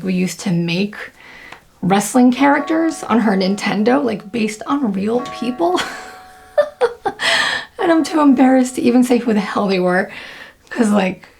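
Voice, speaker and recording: Gravelly-voiced young woman chatting casually. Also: medium pitch, darkish tone. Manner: chatty, lots of fillers and laughs. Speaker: video creator. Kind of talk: casual talk to camera.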